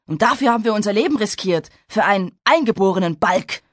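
A woman's voice: medium pitch, animated, fast, no room sound, studio quality, close to an everyday voice. A woman doing a blunt young farmhand, raised and urgent. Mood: scornful.

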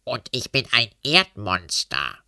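A man voicing a grumpy, rude, hairy red earth monster with a rough, growling voice. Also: medium pitch, wildly swooping pitch, takes it slowly, sharp tone, no echo, studio quality, exaggerated voice. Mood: cheeky. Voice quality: rough, gruff. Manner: sulky, cheeky, growling.

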